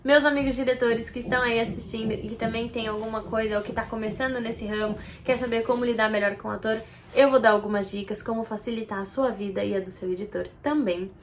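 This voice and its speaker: Brazilian woman, kinda high voice, chatty animated tutorial straight to camera. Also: fast talker, a little hiss or hum. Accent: Brazilian Portuguese. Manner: expressive, animated, addresses viewer directly. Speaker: video editor giving on-camera tips.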